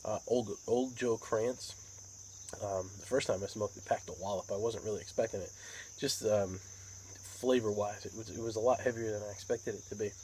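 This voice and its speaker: American male hobby vlogger, lowish voice, unhurried rambling chat, crickets and outdoor noise behind. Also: steady tone, mellow, low-quality recording. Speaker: pipe tobacco vlogger. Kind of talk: casual rambling monologue.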